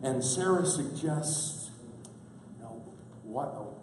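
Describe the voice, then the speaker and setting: A pastor preaching a folksy, humorous sermon at a church camp, heard from a distance in a large hall. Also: male voice, medium pitch, animated, takes it slowly, noisy background. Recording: echoey hall from far off.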